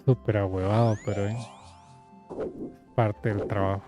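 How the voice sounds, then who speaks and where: A man's voice: lowish voice, measured pace, muffled recording. A young man with a Costa Rican accent casually telling a work story while playing a game, acting out the people he quotes. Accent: Costa Rican Spanish. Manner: animated, acts out quoted people in conversation. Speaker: game coach streaming gameplay. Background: game music.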